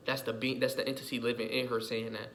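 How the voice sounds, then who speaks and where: A man's voice: medium pitch, level tone, quick pace, fairly bright tone, slight background noise, rough recording. A man giving an emphatic, repetitive vlog monologue, swearing often and circling back over his points. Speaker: vlogger. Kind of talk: casual monologue rant.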